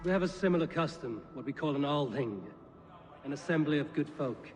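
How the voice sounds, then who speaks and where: An actor playing a grim, steady Norse raider leader in a video game, speaking calmly and plainly. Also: male voice, a little high, long reverb tail, soft background music, natural voice. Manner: calm, measured, matter-of-fact.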